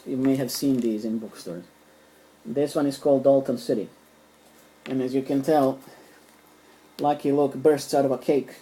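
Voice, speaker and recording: A middle-aged native Serbian speaker rambles with fillers and restarts while showing his comic collection in a small room at home. His voice is warm and mid-range, and the recording is low quality.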